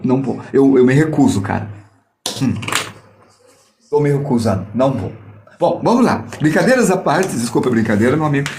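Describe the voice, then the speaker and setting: Lively playful male drawing teacher. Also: on the high side. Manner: playful, jokes with viewers while demonstrating. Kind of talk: live online art lesson.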